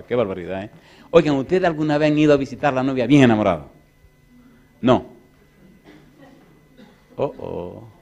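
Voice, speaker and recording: A preacher giving a sermon, firing repeated rhetorical questions at his audience and swinging from loud declarations to quiet, slower passages. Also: medium pitch. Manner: tells homey personal stories with humor.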